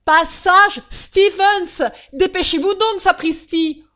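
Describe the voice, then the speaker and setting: A woman voicing a bold, scheming male fugitive who talks briskly and gives orders, in an audiobook. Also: mid-range voice, big pitch swings, a little mellow. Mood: impatient.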